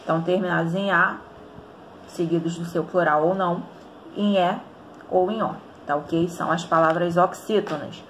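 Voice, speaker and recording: A woman's voice: on the low side, fairly even intonation, moderate pace, a bit bright, a little hiss or hum. A woman with a Brazilian Portuguese accent teaching an online grammar lesson, explaining step by step and often checking in with the students.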